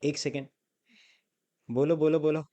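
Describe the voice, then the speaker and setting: Man lecturing, slightly high voice, quizzes the class, prompts replies, mixes in english terms. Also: little pitch movement, measured pace, mellow. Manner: quizzing students, prompting answers. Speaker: accounting teacher. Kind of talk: classroom lecture with call-and-response.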